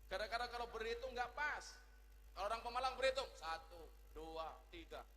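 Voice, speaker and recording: A man's voice: high voice, a little fast, bright, forceful tone, in a large hall. A middle-aged man preaching a humorous sermon, joking and mimicking regional dialects.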